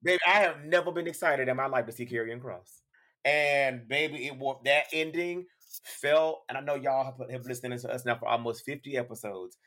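A man co-hosting a wrestling podcast, talking in an animated, slangy, playful way. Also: mid-range voice, moderate pace. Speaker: podcast co-host. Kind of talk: casual wrestling chat.

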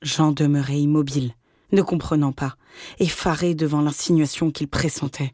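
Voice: medium pitch, fairly even intonation, moderate pace, darkish tone, no echo, clean studio sound. Reader narrating a novel. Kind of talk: audiobook narration.

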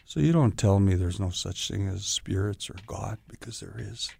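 A man with a gravelly voice tells stories in a relaxed interview. He acts out what other people said as he goes. The sound is dry and close. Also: on the low side, moderate pace, dry recording. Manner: animated storyteller acting out quoted voices. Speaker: guest, actor and stuntman. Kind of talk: casual storytelling interview.

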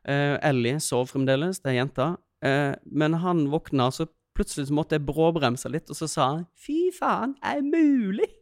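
A man in his thirties, a podcast guest, telling stories in an animated way in casual chat. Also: fairly high pitch, hardly any pauses, no room sound, clean studio sound. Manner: animated, laughing storyteller.

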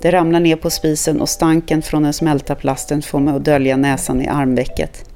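A podcast host reading a first-person novel passage aloud in a steady, measured way. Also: mid-range voice, soft background music. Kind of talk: reading a novel aloud, then casual chat.

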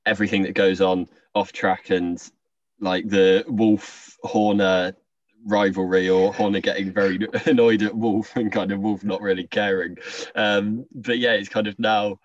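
A man's voice: on the low side, flat delivery, a little slow, no echo. A man co-hosting a casual chat, joking and rambling with lots of "like". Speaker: podcast co-host. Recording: distant, dry, dull lo-fi sound.

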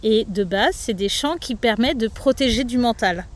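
A woman with a fairly high voice talks loosely in a podcast interview, her sentences full of fillers and restarts. She speaks as a yoga teacher explaining her practice to the host. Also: moderate pace. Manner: loose, chatty, many fillers.

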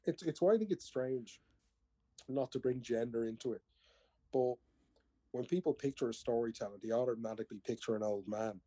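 Irish male storyteller, middle-aged, conversational and anecdotal, soft-edged mellow tone with some huskiness. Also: medium pitch, brisk, husky, dry recording. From Ireland. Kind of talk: casual conversational storytelling and explaining.

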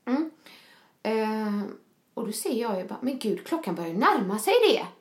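Woman, animated storyteller, high voice, echoey room, casual podcast chat. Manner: animated storyteller who acts out her own past thoughts; swears casually.

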